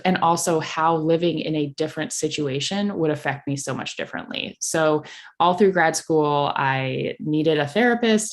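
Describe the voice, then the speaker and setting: A young adult woman speaking as a podcast guest in candid conversation, blunt and impassioned. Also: low voice.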